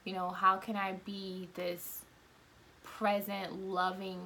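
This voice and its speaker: A woman's voice: mid-range voice, level tone, slow, pushed and bright, slight background noise. A woman from Guyana in her thirties, talking candidly and rambling with lots of fillers in a casual podcast chat.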